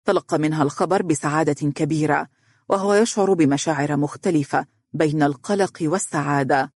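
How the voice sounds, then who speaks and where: A man narrating an audio story with an Egyptian accent, in a steady, even delivery. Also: on the high side, fairly quick, dry recording, studio quality. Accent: Egyptian Arabic.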